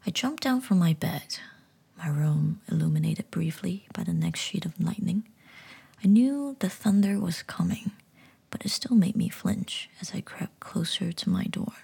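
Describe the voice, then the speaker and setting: A woman's voice: fairly low pitch, vocal fry, darkish tone, slightly rough. A woman narrating a first-person horror story entirely in a whisper. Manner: whispering throughout.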